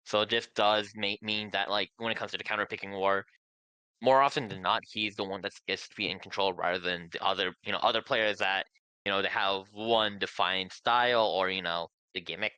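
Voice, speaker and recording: A man's voice: on the low side, fairly even intonation, brisk, pushed and bright, clean tone, dry recording. A man doing casual commentary on a video game tournament stream, upbeat and chatty. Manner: upbeat, hyping viewers. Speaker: esports commentator.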